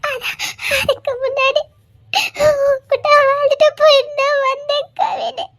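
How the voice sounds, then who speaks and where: Woman acting a weeping, pleading young woman, very high pitched, audio drama heroine. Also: little pitch movement, unhurried, a bit bright. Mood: desperate confession. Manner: weeping, pleading, laughing through tears. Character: tearful young woman torn between love and a forced mission.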